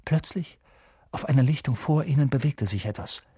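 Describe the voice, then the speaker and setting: A man narrates an audiobook in a calm, measured storytelling voice. His tone has a slight husk, and the recording is dry and close. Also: medium pitch, breathy edge, no room sound. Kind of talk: scripted narration.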